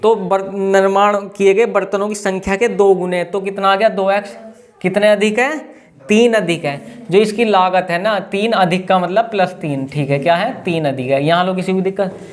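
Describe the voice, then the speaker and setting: A high-voiced man teaches a math class with a tinge. He works through each step aloud and keeps asking his students questions. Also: steady tone, moderate pace. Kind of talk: classroom lesson.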